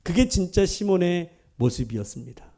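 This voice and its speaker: A man's voice: high-pitched, sing-song, moderate pace, dark tone. A man preaching a sermon as pastor, emphatic and full of rhetorical questions to the congregation. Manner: acts out quoted speech within the preaching.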